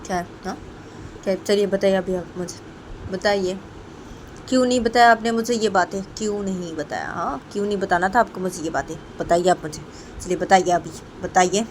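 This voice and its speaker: A woman voicing a furious shouting young mother. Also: mid-range voice, a little fast, slight background noise, natural voice. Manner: shouting, repeating angry questions. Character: furious young mother scolding her partner.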